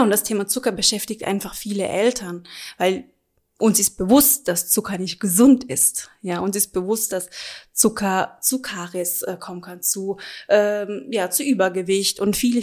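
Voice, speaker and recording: A chatty woman in her thirties, speaking at an ordinary mid pitch as an interview guest. She explains things easily and loosely, dropping frequent small fillers as she goes. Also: normal speed, a little mellow. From Germany. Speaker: nutrition advisor, guest. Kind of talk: casual interview chat.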